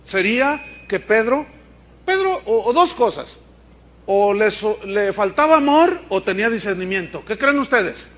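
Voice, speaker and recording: A male pastor preaching a sermon, lively, with asides and playful mock dialogue. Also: sits high, a little slow.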